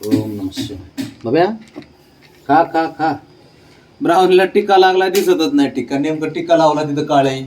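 A man's voice: a little high, steady tone, moderate pace, long pauses, darkish tone, a little hiss or hum. A man casually talking to his pet cats at home, coaxing them with affectionate baby talk. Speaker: pet owner vlogger.

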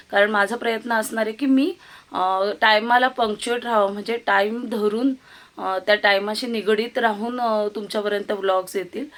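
A woman in her thirties from Maharashtra, chatting in a casual daily vlog from her home kitchen, with frequent hesitant fillers. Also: mid-range voice. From Maharashtra, India. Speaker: vlogger.

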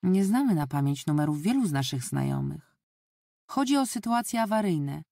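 Woman voicing a brisk, practical middle-aged wife. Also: sits low, sing-song, creaky, mellow, no echo, studio quality, full character voice.

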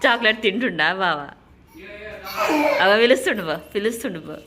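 A woman's voice: medium pitch, animated, fairly quick, heavy background noise. A young woman with a Telangana Telugu accent, filming at home and coaxing her small child with repeated questions in a casual home vlog.

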